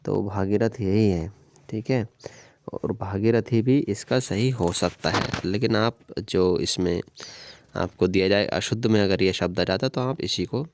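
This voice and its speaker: Male tutor, low mellow voice, exam-prep language lesson, steady explanatory delivery with frequent check-ins. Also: gravelly, no room sound. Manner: explains step by step, repeats "ठीक है" and "याद रखिएगा". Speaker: teacher.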